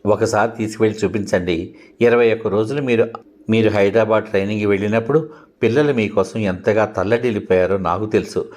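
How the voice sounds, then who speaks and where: A man voicing a calm, sensible wife who gently reasons with her family, in a read-aloud novel. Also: fairly low pitch, natural voice.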